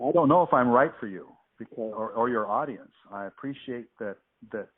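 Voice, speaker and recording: A man's voice: mid-range voice, a little fast, breathy edge. A man talking on a phone call, laid-back and hesitant, with a patchy, cutting-out line. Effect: heard over a phone line. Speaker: artist taking a phone call.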